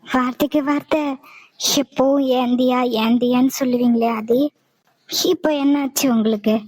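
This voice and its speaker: A woman's voice: fairly high pitch, fairly even intonation, moderate pace, darkish tone, dry recording, lightly acted, poor audio. A woman voicing Diya, a young cartoon mother. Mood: pleading. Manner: pleading, then cooing baby talk. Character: young mother devoted to her baby, emotional. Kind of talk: animated cartoon dub.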